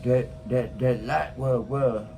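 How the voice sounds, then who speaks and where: A man in a relaxed conversation, adding quick agreements and half-finished memories. He talks fast and runs his words together at an ordinary pitch. A faint low rumble sits behind his voice. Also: gravelly. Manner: chiming in with short agreements, fast and mumbled. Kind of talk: casual chat.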